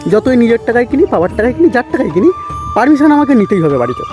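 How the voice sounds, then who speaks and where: A young man with a fairly high voice tells a personal story straight to his own handheld camera, chatting casually with his viewers. Soft music plays underneath him the whole time. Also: very animated, rapid-fire. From West Bengal, India. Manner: chatty, keeps saying "bhai" and "thik ache". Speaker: vlogger. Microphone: handheld camera, self-filmed.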